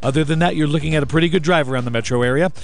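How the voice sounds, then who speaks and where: A man's voice: on the high side, very fast. A man giving a conversational traffic report on the radio.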